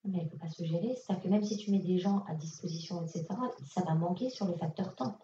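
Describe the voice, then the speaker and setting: At a conference hall, a woman gives a public mediumship reading, speaking casually and directly to an audience member with plenty of fillers. Her mellow voice is middling to lowish and she talks fast over slight background noise. A distant lo-fi mic picks her up, so the sound is dull, roomy and echoey.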